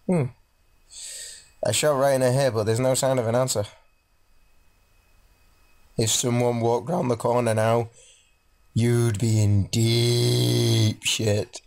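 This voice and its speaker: A man with a gravelly, darkish, mid-range voice speaks slowly in a steady tone and pauses often. He's playing through a visual novel for a let's play, reading the narration dramatically and adding jokey, casual remarks. Game music runs behind him.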